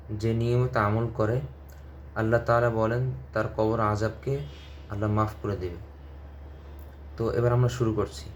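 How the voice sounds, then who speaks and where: A man teaching Quran recitation, spelling out each syllable and repeating it, then chanting whole verses in a higher, drawn-out voice. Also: slight background noise. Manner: slow, syllable-by-syllable drilling, recited verses rising high and drawn out.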